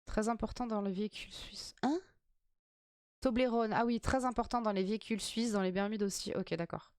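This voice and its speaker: A woman's voice: medium pitch, fairly even intonation, a little fast, a little mellow, no echo. A woman streamer chatting casually and playfully while reacting to a TV quiz, swearing freely.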